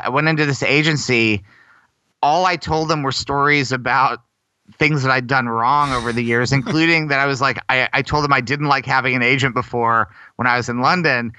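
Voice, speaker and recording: A man's voice: medium pitch, bright, forceful tone, clean tone, dry recording, low-quality recording. An American man telling self-deprecating stories in a casual interview, laughing often. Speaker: guest performer.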